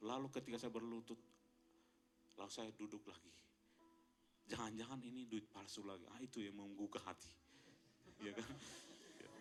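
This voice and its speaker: A man, an Indonesian pastor, preaching a sermon as a personal testimony and often turning to the congregation as he tells it. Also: mid-range voice. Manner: storytelling, addresses congregation as Bapak Ibu, rises to loud excited peaks.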